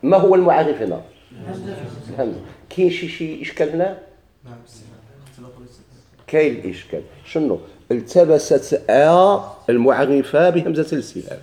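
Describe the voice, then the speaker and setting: Fast-talking Moroccan teacher in an echoey room. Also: male voice, on the high side, expressive, warm tone. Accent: Moroccan Arabic. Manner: asks questions and answers them himself; repeats key words slowly for emphasis. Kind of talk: grammar lesson in dialect.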